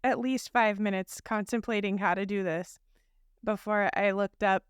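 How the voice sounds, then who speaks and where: Her voice is medium-pitched and smooth, with fairly even intonation and a moderate pace. She co-hosts a casual podcast abroad, perhaps from a hotel room, telling stories chattily with laughter and many fillers. The clean studio sound has no room echo.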